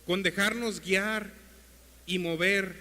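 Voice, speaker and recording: A male pastor preaching an earnest sermon to his congregation, calling them brothers, and rising in pitch and force as he exhorts them. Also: steady tone, takes it slowly, big-room sound. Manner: builds to a louder, higher pitch when exhorting.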